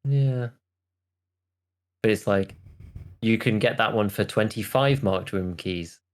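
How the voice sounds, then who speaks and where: Low-voiced man in laid-back podcast chat. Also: slow. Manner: loose and hedging, many "like" fillers and restarts. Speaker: podcast co-host. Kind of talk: casual chat.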